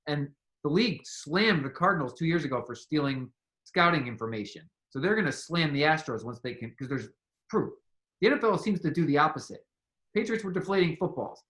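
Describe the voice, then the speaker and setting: Man, sports talk host, slightly high voice, chatty, laughs between points. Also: a bit bright. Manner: chatty, laughs often, quick asides. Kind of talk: casual sports debate.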